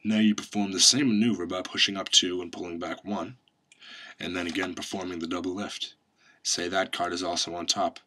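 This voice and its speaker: Low bright male voice, walks you thru a card trick step by step w/ magician patter. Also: steady tone, fairly quick, a little hiss or hum. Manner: instructive, reciting patter lines in demonstration. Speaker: magic trick tutorial presenter.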